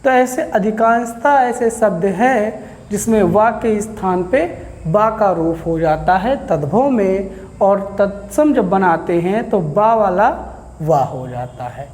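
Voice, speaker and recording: A male teacher lectures on grammar in a slow, unhurried way, setting up each question and then answering it. His voice carries a long reverb, as if the room around him is big and hard-walled. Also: high voice, lively intonation, a little mellow. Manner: explains slowly, asks questions and answers them himself. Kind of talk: classroom lecture.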